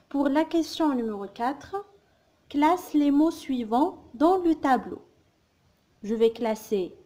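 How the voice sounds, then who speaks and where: A woman teaching a phonics lesson, sounding out words and syllables slowly and repeating them. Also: sits high, warm tone. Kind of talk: slow, careful phonics lesson.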